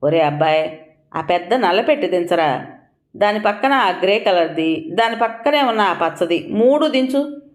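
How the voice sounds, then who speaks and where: A firm, deliberate old father-in-law, as a woman narrator puts him on in an audio story, handing out orders with steady authority. The voice sits at a middle pitch for a woman, carried in a noticeably echoey room. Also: lightly acted. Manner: commanding, gives orders patiently.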